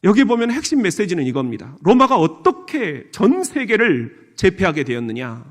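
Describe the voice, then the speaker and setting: A middle-aged pastor with a Chungcheong Korean accent delivers a sermon in a high, lively voice. His pitch swings widely as he preaches, and he slips into playful imitations of regional dialects. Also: normal speed.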